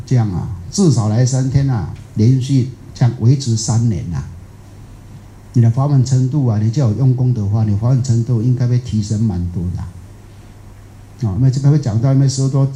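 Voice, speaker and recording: A man's voice: medium pitch, a little fast, mellow, reverberant, slight background noise. A man with a Taiwanese Mandarin accent, giving a rambling, folksy Buddhist dharma talk and asking his audience questions. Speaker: Buddhist teacher.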